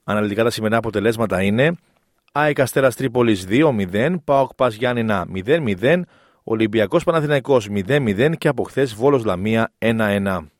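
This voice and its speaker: A man's voice: mid-range voice, no room sound. Male sports news reader, dry studio sound. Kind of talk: scripted sports news narration.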